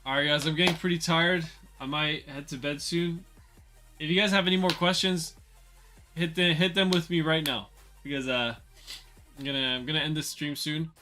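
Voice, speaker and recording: Bright-voiced man chatting through a trading stream. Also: on the high side, steady tone, moderate pace, faint music behind. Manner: chatty, loose, answers chat aloud with filler and repeats. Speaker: trading livestream host. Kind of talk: casual livestream market commentary.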